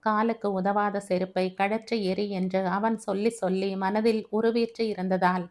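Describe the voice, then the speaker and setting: A woman narrating an audiobook family story in an emotive, measured storytelling manner. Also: medium pitch.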